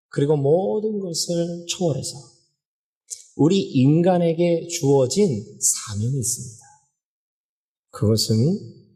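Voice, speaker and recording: Male pastor, sermon, husky tone, pitched a little high, lively storyteller who questions the congregation. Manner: lively storytelling preacher, asking the congregation questions and acting out quotes.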